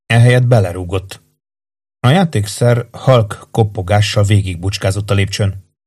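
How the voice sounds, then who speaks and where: Calm man narrating a dark story. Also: lowish voice. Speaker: audiobook narrator. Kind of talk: scripted narration.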